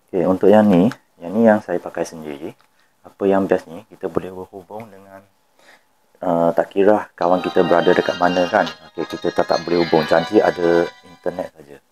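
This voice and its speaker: A product demonstrator with a Malaysian accent gives an informal step-by-step tutorial, repeating instructions and mixing in some English words. His low voice is steady and brisk, with music playing behind him and background noise clearly audible.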